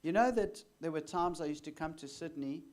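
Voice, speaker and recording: A man hosts an onstage interview, his voice pitched a little high. He asks leading questions and keeps the guest going with short murmurs. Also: a little fast, darkish tone. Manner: leading questions with frequent "mm" backchannels. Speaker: host, exorcist.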